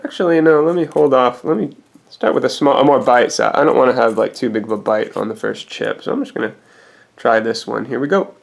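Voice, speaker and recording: Man with creaky voice, rambling food review. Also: medium pitch, a little fast. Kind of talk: casual product review.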